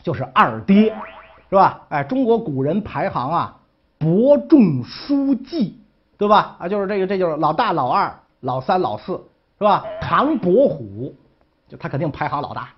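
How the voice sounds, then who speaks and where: A man's voice: high-pitched, big pitch swings, moderate pace, breathy edge, muffled recording. A man telling ancient history in a humorous, colloquial way, with frequent asides. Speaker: storyteller.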